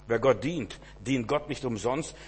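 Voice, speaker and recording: A man preaching a sermon to his congregation, swinging between loud emphatic cries and low hushed asides, repeating words for emphasis. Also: a little slow, slightly rough, in a large hall.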